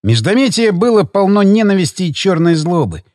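A man narrating an audiobook in an expressive storytelling manner. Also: sits high, a little fast, dry recording, studio quality. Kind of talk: scripted narration.

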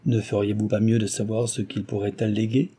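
A man voicing a kindly, sensible older woman in an audiobook, reasoning calmly. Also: lowish voice, fairly quick, slightly rough.

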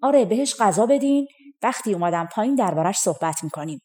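A woman's voice: medium pitch, expressive, darkish tone, in a large hall, natural voice. A stern, tight-fisted farm master from a storybook folk tale, laying down terms in a curt, commanding way, as a woman reads him. He wastes no words. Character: stern middle-aged male farm master.

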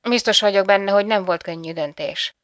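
A woman's voice: mid-range voice, fairly bright tone, dry recording, studio quality, natural voice. A woman voicing a grave composed female psychologist. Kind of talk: audiobook reading.

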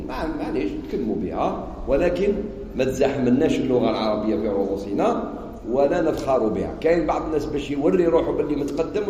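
Animated Algerian sheikh in an echoey hall. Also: male voice, mid-range voice, a little hiss or hum. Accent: Algerian Arabic. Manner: quizzes listeners and answers himself, animated asides. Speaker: sheikh teaching Quran commentary. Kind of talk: informal religious lesson in dialect. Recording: echoey hall with long reverb.

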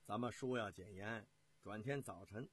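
A man telling a historical tale in a traditional storytelling performance, with animated, chatty asides to his listeners. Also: lowish voice, normal speed, husky.

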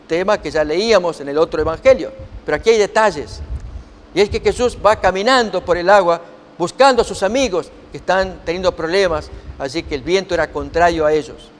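Male preacher, high voice, teaching from scripture with rhetorical questions, long hall reverb. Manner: reads scripture aloud and asks the listeners rhetorical questions. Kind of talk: sermon-style Bible teaching.

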